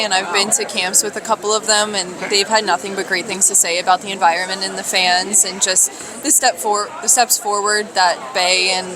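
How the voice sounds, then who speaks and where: Young female pro soccer player, earnest run-on answers, crowd chatter behind outdoors. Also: medium pitch. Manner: earnest, runs sentences together. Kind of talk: media day interview answers. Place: outdoors at a media day.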